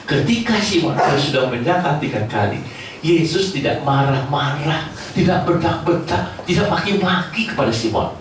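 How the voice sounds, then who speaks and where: Joking, animated male preacher; slightly high, far off in a booming church. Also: normal speed, a little hiss or hum. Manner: lively, joking, mimics quoted voices. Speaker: pastor. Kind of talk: sermon. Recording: echoey church hall from far off.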